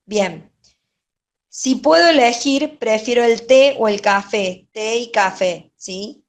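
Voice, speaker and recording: A woman's voice: a little high, slow pace. A woman teaching a grammar lesson, going over exercise answers patiently and often checking in with "¿sí?". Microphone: online class.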